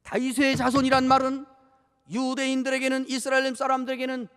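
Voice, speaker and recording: A male pastor with a very high voice preaches in a church sanctuary, and his words ring with a long hall reverb. He acts out the scripture scenes and keeps turning to the congregation with rhetorical questions. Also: completely flat delivery, a little fast, a bit bright, clear, resonant tone. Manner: dramatizes scripture, acting out rebukes and pleas. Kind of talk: sermon.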